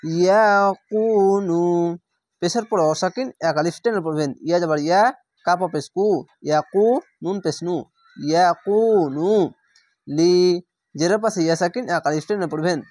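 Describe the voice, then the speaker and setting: A man teaching Quran reading, spelling out each word letter by letter and then reciting it slowly and drawn out. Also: sits high, a little mellow, no echo. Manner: slow drawn-out chanted recitation between plain explanations.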